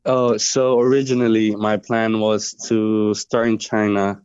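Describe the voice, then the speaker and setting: A Colombian man in his twenties, a native Spanish speaker, talks as a guest in an interview conversation. His low voice is smooth but flat, and he speaks unhurriedly yet hesitantly, with many fillers as he searches for words and restarts. The recording is dry and somewhat muffled, with no room sound.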